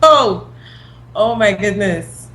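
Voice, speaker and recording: A woman in her thirties, raised in Guyana, speaks as an interview guest. She sounds a little tired but stays relaxed and chatty. A faint hiss sits under her voice. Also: mid-range voice, poor audio. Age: 30s. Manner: chatty, relaxed, quick when listing. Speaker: lawyer, talk show guest. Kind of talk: interview answers.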